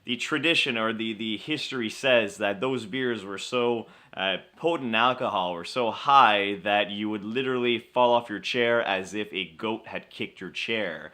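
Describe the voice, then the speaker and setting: Low, bright-voiced young man chatting. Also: normal speed, few pauses. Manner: explanatory, storytelling with wry humor. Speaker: co-host of a beer show. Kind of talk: casual chat.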